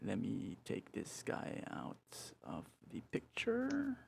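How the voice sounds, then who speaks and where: A man's voice: fairly low pitch, huge pitch swings, slow, vocal fry, darkish tone, a little hiss or hum. A man narrating a tabletop game as game master, describing the action and laughing along with his players.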